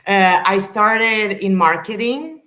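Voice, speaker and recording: A woman's voice: medium pitch, takes it slowly, bright, forceful tone. A woman from Serbia, speaking as a podcast guest in earnest, casual conversation, often restarting as she searches for words.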